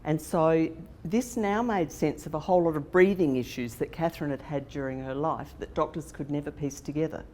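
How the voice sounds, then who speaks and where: An Australian woman in her sixties talks a little fast, hardly pausing, in a low, darkish voice as she tells a conference audience a personal story with fillers and restarts. She's on a handheld microphone in a conference hall. The sound is echoey with some faint noise.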